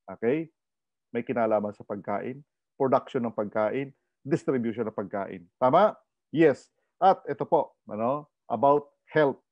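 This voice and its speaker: Energetic Filipino male seminar presenter, lively delivery, dry and muffled webinar sound. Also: mid-range voice, a little slow, no room sound. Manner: animated, asks the audience questions, code-switches. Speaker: online orientation presenter. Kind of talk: energetic business seminar talk.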